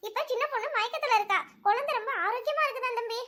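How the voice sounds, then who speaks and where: A woman voicing an excitable, devout female friend in a cartoon, gushing with excitement. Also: extremely high pitch, racing. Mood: excited.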